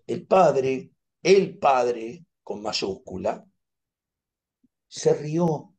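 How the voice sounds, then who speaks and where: Argentine guy teaching over a video call, mellow tone, slightly high voice, tells it like a story. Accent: Argentine Spanish. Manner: animated storytelling, repeats phrases for emphasis.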